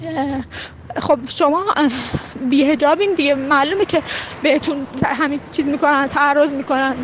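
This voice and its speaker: Young woman, from Khuzestan, very high voice, indignant, personal testimony, faint background noise. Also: fairly even intonation. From Khuzestan, Iran. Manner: heated, indignant retelling.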